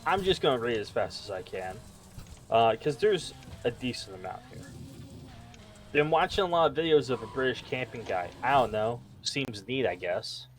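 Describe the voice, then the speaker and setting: A man's voice: medium pitch, very animated, moderate pace. A man co-hosting a podcast in casual chat, rambling as he reads his notes aloud. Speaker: podcast co-host.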